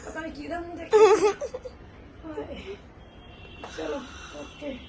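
A woman with a Punjabi accent chatting to a vlog in a loud, dramatic aunty manner, exclaiming through near-tearful laughter. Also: sits high, measured pace, distant mic, a crowd in the background. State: laughing to the point of near crying. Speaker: family vlogger. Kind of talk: casual vlog chat.

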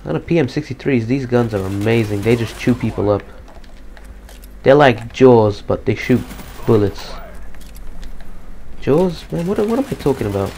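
A man giving casual live gameplay commentary, slightly depressed and monotone, swearing casually. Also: medium pitch, normal speed, long pauses, a little hiss or hum. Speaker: gaming commentator.

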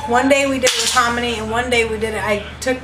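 A woman's voice: a little high, fairly even intonation, fast. A woman in her thirties rambling casually through a grocery haul in her home kitchen, filmed by a camera on the table. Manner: rambling, chatty, thrifty. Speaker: vlogger. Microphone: camera mic at table distance. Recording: echoey kitchen with background noise.

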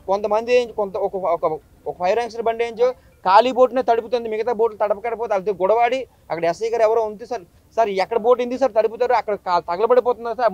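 A man's voice: sits high, a little mellow, dry recording, dull audio. A YouTuber man, telling his story to a press meet in an urgent, impassioned way. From Visakhapatnam, India. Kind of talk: emotional press statement.

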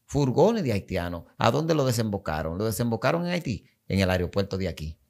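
This podcast guest, a Dominican Spanish-accented man in his forties, has a fairly low, gravelly voice with a darkish tone and a sing-song lilt, moving a little quickly. Emphatic and repetitive, he gestures while making his points. He's recorded on a small studio set through a boom-arm studio mic.

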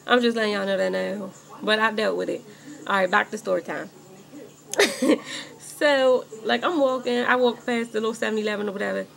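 A woman's voice: medium pitch, normal speed, gravelly. A young woman vlogger in casual storytime chat, rambling and filling her talk with "like" as she speaks straight to viewers. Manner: animated when indignant. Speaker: beauty vlogger. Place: at home doing makeup.

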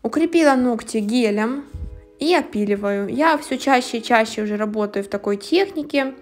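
A woman's voice: on the high side, animated, moderate pace, faint music behind. A woman nail technician telling stories in a casual, chatty, lightly amused voice-over. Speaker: nail technician narrating a manicure video.

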